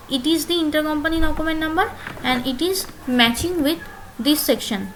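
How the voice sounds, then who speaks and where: Walking viewers through software on a shared screen, a woman with a high voice teaches step by step, hesitating often with filler pauses and repeated phrases. There's slight noise in the background.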